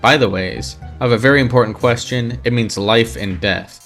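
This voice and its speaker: An eager, childlike little alien speaks slow, broken English with odd phrasing, as a man puts it on. It talks in a deliberate, halting way, with faint music behind it. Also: mid-range voice, close to an everyday voice. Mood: earnest.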